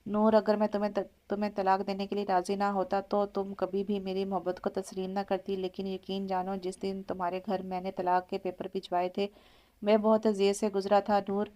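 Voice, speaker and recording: A woman's voice: mid-range voice, completely flat delivery, brisk, dark tone, lightly acted. A woman voicing a teasing, affectionate young husband in a romantic audio novel. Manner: teasing, playful.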